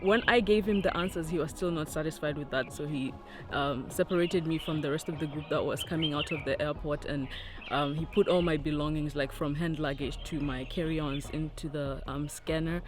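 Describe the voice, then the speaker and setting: A young woman giving a personal testimony, recounting events with many hesitant pauses. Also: deep voice, steady tone. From Tanzania. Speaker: interviewee.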